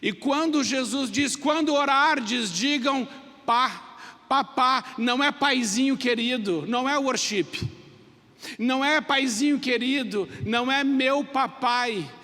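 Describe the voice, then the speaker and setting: A Brazilian man preaching a sermon as pastor, dramatic, dropping to hushed lows and rising to emphatic highs, acting out little voices of children and parents. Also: takes it slowly. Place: church sanctuary. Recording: long church reverb.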